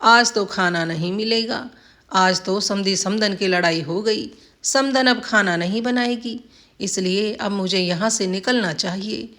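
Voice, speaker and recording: A woman voicing a grinning, freeloading old male in-law who talks in an unhurried, ingratiating way. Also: mid-range voice, a bit bright, natural voice. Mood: musing.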